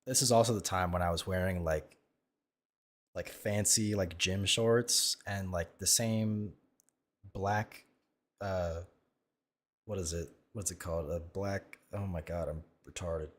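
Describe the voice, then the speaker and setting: A man with a lowish voice tells a story in an offhand, rambling way. He is crude and self-mocking and keeps restarting his sentences as he reacts to videos. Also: fairly even intonation, measured pace.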